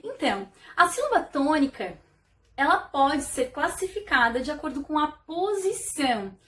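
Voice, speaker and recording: A woman teacher giving an online video lesson, explaining slowly and carefully and often checking in with "né?". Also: high-pitched, very animated, a bit bright. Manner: slow, careful explanation with repeated "né?". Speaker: Portuguese teacher. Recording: echoey room, voice from a distance.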